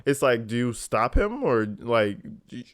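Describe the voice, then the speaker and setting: A man's voice: mid-range voice, sing-song, a little slow, clean tone, dry recording, clean studio sound. A man giving informal, incredulous commentary as a video host, swearing casually.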